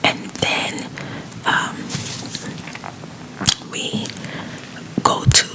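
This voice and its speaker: Woman whispering a quiet ASMR storytime. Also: drawn-out words, low-quality recording. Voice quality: breathy unvoiced whisper. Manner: conversational, rambling storytelling with asides.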